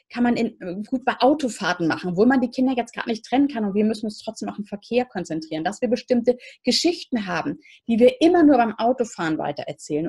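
A woman's voice: on the high side, a little mellow, slightly rough. A woman family counselor giving earnest, coaching advice straight to the viewer, speaking to them directly. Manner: acts out short quotes of parents and children. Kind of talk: advice talk to camera.

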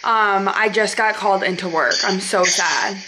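A young woman vlogging casually from her car, chatty and gushing with excitement. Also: medium pitch, moderate pace, noisy background. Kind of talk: casual vlog talk to camera. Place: inside a car.

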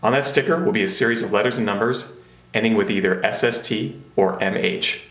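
A man's voice: on the low side, brisk, a bit bright. A man narrating a step-by-step product how-to in a plain, methodical way. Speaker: product demonstrator. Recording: roomy echo.

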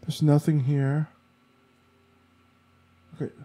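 Slow and warm-toned, a slightly high male voice comes with a completely flat delivery. It belongs to a let's play gamer, sniffly and congested, who mutters casual commentary to himself as he plays.

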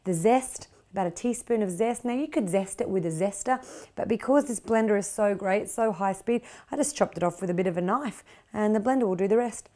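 A woman's voice: mid-range voice, brisk, warm tone. A middle-aged woman hosting a cooking show, chatting encouragingly as she demonstrates a recipe in a kitchen. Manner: chatty, encouraging, talks while working. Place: home kitchen studio, indoors.

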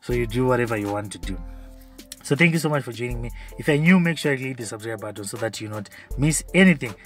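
A man's voice: medium pitch, lively intonation, fast, faint music behind. A young Zimbabwean man hosting a podcast, chatting casually with frequent laughs as he reads out comments. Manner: chatty, laughs often, mixes in Shona phrases. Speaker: podcast host. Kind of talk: casual commentary reading social media comments.

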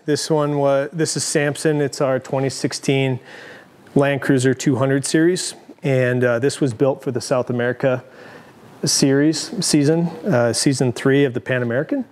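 A man in his forties shows a visitor around his big indoor garage workshop. He talks in an easygoing, rambling way, full of fillers and restarts, at a middling pitch. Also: fairly even intonation, moderate pace, a little mellow. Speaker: overland company founder giving a shop tour. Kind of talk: casual tour interview.

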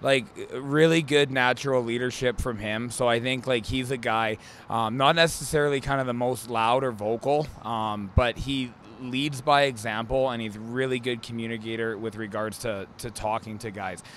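A man's voice: medium pitch, steady tone, moderate pace, a bit bright, slight background noise. A man, an assistant hockey coach, giving an earnest postgame interview with many fillers, into a handheld mic in an indoor ice arena.

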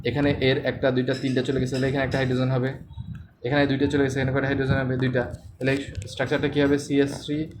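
A man's voice: mid-range voice, completely flat delivery, quick pace. A man teaching chemistry to a class, asking questions and repeating the answers. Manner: quizzes students with repeated questions. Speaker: chemistry tutor. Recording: noisy screen-recorded class.

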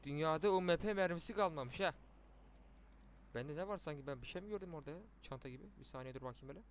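A young man commentating his mobile shooter match with teammates, chatty, muttering to himself and then bursting out excitedly. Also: fairly high pitch, quick pace, slight background noise. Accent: Turkish. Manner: chatty, swings between muttering and excited outbursts. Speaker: gaming streamer. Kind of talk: live gameplay commentary with teammates.

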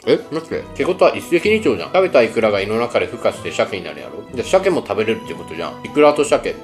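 A young man with a western Japanese accent, chatting casually to the camera as he eats in a mukbang. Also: lowish voice. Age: young adult. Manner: talks to camera while eating and tasting. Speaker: mukbang host. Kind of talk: casual mukbang eating chat. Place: small room at home.

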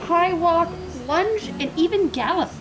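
High, lively woman reacting off-mic. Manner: bright, animated, quick reactions and laughs. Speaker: co-host. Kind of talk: casual chat off camera. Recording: distant voice with outdoor noise.

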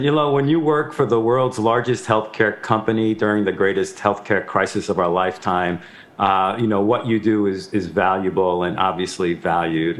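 A man in his fifties, a procurement executive, answering a panel question in a measured, earnest way over a video call from an office. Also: on the low side, roomy sound. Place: office room with window, remote link.

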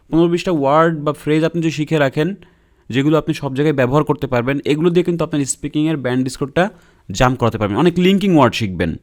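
A man's voice: a little high, a little mellow. A young man with a Bangladeshi accent giving a casual IELTS lesson, blunt and teasing, full of filler sounds and "okay?" checks. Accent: Bangladeshi Bengali. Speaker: IELTS tutor.

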